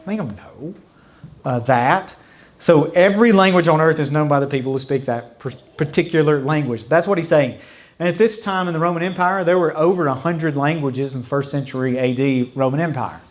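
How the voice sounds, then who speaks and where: A man's voice: a little high, brisk. A man as pastor, teaching a Bible study in a conversational way, explaining with repetition and asides. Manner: mimics mocking babble with fading repeats. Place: church.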